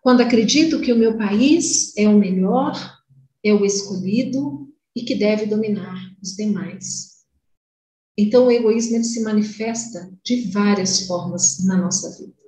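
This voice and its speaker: A young woman giving a devotional spiritist lecture over a video call, earnest and measured, stretching key words slowly. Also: medium pitch, mellow. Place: home room, indoors. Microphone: webcam on video call. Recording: roomy echo, distant mic, faint hiss.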